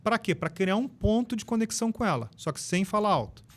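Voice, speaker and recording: A Brazilian man explaining ideas in an animated, instructive way as a guest on a casual podcast. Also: high voice, fairly quick. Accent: Brazilian Portuguese. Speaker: podcast guest, NLP trainer.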